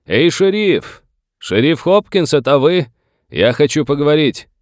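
A man voicing a bold, mocking outlaw gunman who shouts his taunts from a distance. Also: a little high, big pitch swings, a little slow, dry recording, studio quality, pitched above the performer's own voice. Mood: taunting shout.

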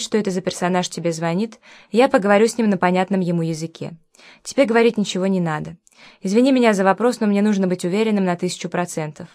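A woman's voice: mid-range voice, darkish tone, lightly acted. Tough grown man, blunt, curt and commanding, read by a woman, audiobook dialogue. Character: blunt, tough adult man, protective friend.

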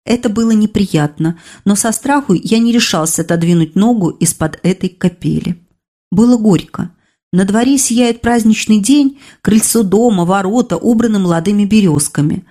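A woman reading an audiobook as narrator, measured and expressive. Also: medium pitch. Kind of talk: scripted narration.

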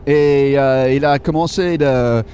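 Man with a dark voice, guiding a tour. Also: mid-range voice, slight background noise. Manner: halting, searches for French words, many fillers. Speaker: local tour guide. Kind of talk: guided walking tour, explaining sights. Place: outdoors in a city street.

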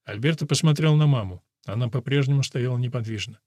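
A man's voice: mid-range voice, fast talker, a little mellow, dry recording. Male audiobook narrator, dry studio sound. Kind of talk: scripted narration.

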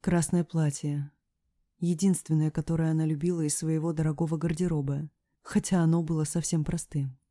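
A woman narrating a dramatic first-person audiobook with emotional delivery that moves between hushed whispers and anguished cries. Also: low voice, level tone, a little fast, dry recording, studio quality.

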